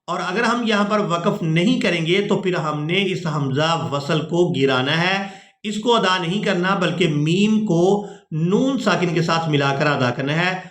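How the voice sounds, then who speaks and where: A man teaching Quran pronunciation in a lesson, explaining the rules and then chanting the verses slowly. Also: on the high side, a bit bright, reverberant. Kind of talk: tajweed lesson with chanted recitation.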